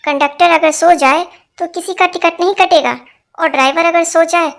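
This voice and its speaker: A woman reading out a string of jokes, lively, voicing each character in turn. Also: very high-pitched, normal speed, creaky. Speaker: joke teller.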